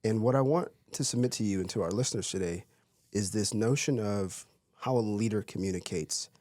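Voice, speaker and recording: A man hosting a casual podcast with a joking, upbeat manner. His voice sits a little low. It is recorded close and dry, with no room around it. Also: brisk, darkish tone, dry recording. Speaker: podcast host.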